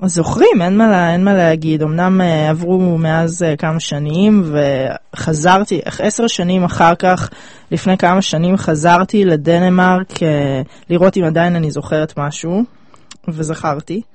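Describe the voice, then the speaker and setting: Casting: Israeli woman in her twenties, close dry sound, casual, thoughtful pauses. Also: fairly low pitch, fairly even intonation, darkish tone, dry recording. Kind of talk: casual chat.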